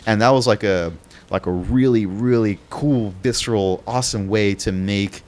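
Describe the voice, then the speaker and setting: A man's voice: fairly low pitch, normal speed, darkish tone. A man co-hosting a podcast, chatting casually about movies with lots of fillers and restarts. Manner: rambling, many restarts and fillers. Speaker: podcast co-host.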